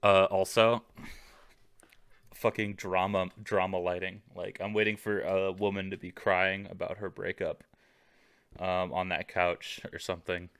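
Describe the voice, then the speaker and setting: A man's voice: sits low, flat delivery, a little slow, fairly bright tone, clean tone, no echo. A man co-hosting a podcast over a video call, chatting casually, joking and swearing freely. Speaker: podcast co-host. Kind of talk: casual chat. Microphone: video call microphone.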